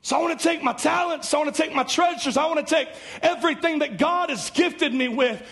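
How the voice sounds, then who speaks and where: A male pastor preaching a fervent sermon that swings between shouted peaks and hushed low passages. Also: fairly quick, creaky.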